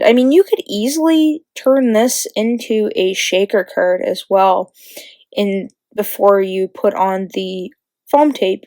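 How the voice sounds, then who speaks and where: A woman narrates her craft project in a chatty, giggly voice-over at a medium pitch. She corrects herself as she goes. The sound is dry and close, with no room echo. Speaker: card-making crafter. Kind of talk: casual craft tutorial voice-over.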